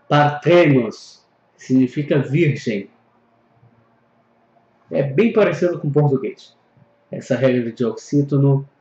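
A man with a slightly high voice explains grammar patiently, going back over each term. The recording sounds dull and lo-fi, with a roomy echo around him. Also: a little mellow. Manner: patient, explanatory, repeats and reviews terms. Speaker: Greek language teacher. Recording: echoey, dull lo-fi room recording.

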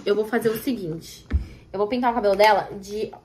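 A crowd can be heard in the background as a young vlogger mother chats with viewers in a mid-range voice, a little fast. She's filming her family indoors at home on a phone camera, lively and talkative throughout.

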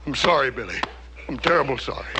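An actor in his thirties playing a big, gentle, guilt-stricken cowboy son in a TV western, with a rural Western American accent and halting, plain-spoken speech. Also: mid-range voice, lively intonation, natural voice. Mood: sorrowful, pleading. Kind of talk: TV western drama acting. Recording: noisy old television soundtrack.

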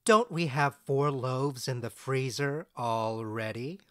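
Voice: medium pitch, slow, close to an everyday voice. An actor playing Puck's part as a scheming, flamboyant fairy, charming and smug, in a conversational audio drama. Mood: dryly probing. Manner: theatrical, sly, emphatic.

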